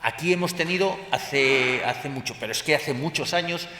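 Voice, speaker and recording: Male panel moderator, hesitant and filler-heavy, bright tone, echoey hall. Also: fairly high pitch, moderate pace. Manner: hesitant, many fillers and restarts. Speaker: moderator of a round table. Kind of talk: panel discussion. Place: large hall at a book fair. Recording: roomy hall with long reverb.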